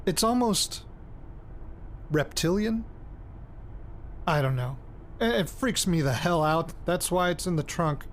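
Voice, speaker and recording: A young amateur investigator, freaked out, anxious and insistent, digs into his late grandparents' secrets in a naturalistic audio drama styled as a hesitant recorded diary and interview. His male voice is a little high, his speech halting, blunt, pressing and sweary, and the field recording is noisy.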